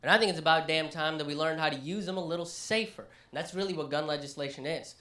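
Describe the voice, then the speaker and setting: A male comedian doing a live stand-up set in a small listening room, ranting and animated. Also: a little high, quick pace, echoey room.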